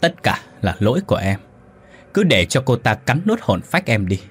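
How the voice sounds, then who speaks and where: A man's voice: fairly low pitch, sing-song, normal speed, husky. A man voicing a remorseful woman's ghost who weeps and stammers apologies.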